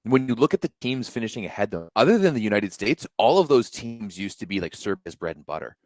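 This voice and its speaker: A man's voice: on the low side, sing-song, fast, darkish tone, no room sound. A young man co-hosting a casual sports podcast, chatty and slangy, with lots of fillers and repeats. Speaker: podcast co-host.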